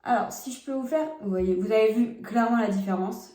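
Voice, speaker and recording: A woman's voice: a little high, brisk, dark tone, echoey room. A young woman doing a casual makeup test vlog, talking frankly and chattily to her viewers while she applies products, recorded on a phone at home. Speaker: beauty vlogger. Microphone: phone camera.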